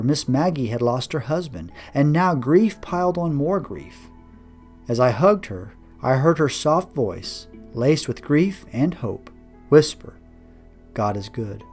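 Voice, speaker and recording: A man who pastors a church reads his own devotional writing aloud, earnest and reflective as he tells a story. His voice sits at an ordinary middle pitch and is recorded close to the microphone. Soft music plays faintly behind him. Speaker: pastor and podcast host. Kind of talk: read devotional blog narration.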